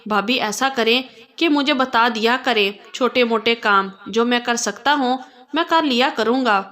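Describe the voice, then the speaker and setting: Woman voicing gentle blind young man, earnest and affectionate, fairly high storytelling voice. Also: close to an everyday voice. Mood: concerned.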